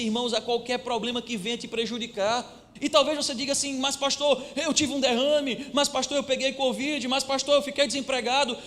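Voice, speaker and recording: A Brazilian man preaching a sermon as pastor, rising to fervent, near-shouted peaks and then dropping to a hushed, gentle tone. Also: sits high. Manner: swells to fervent, near-shouted climaxes, then drops soft and hushed for stories. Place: church sanctuary. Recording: long church reverb.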